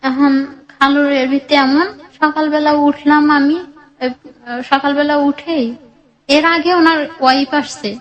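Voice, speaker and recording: A woman speaks unhurriedly in a high, level voice, leaving long pauses, and the recording is muffled. She tells her life story in an emotional, meandering way, restarting frequently and acting out quotes.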